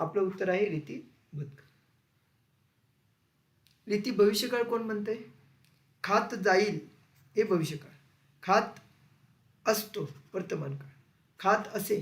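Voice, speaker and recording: A male teacher with a high, gravelly voice gives an exam-prep grammar lesson. He poses questions and repeats the answers slowly. The recording has a roomy echo. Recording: echoey room.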